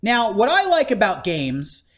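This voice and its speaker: A man in casual podcast chat giving a game review, animated and swearing freely. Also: high-pitched, measured pace. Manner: animated, swearing, acts out scenes in mock voices.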